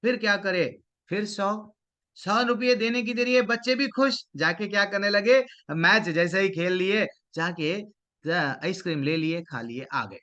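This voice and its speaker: Here is a man with a bright, forceful voice, pitched a little above most men, telling a devotional story to a gathering. He talks in an animated way, with many fillers and restarts. The sound is dull and lo-fi. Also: unhurried. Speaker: devotional storyteller addressing a congregation.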